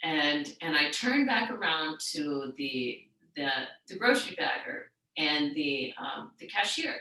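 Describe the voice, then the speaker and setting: A middle-aged woman teaching a yoga class, telling a story in a rambling, chatty way and then guiding the class gently into a seated relaxation. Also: low-pitched, animated, measured pace. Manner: rambling, chatty storytelling with many restarts and fillers. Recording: very echoey room, far from the mic.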